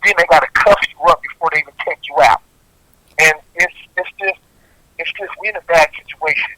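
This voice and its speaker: A man's voice: on the high side, fairly quick, pushed and bright, dry recording. A man on death row talking over a prison phone call, rambling and circling back with lots of fillers. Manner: rambling, repeats himself, many fillers. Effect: heard over a prison phone call. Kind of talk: recorded phone testimony. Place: prison cell block.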